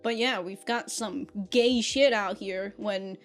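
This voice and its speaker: A woman hosts a casual episode review reaction, talking slowly at medium pitch. Her speech is slangy and sweary, full of mock indignation and laughter.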